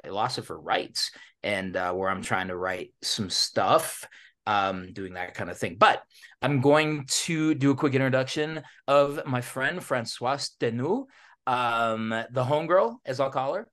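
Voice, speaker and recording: A man's voice: medium pitch, unhurried, pushed and bright. A man with an American accent hosting a podcast in an informal, slangy way, dropping in bits of Spanish. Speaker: podcast host. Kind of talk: casual hosting and interview.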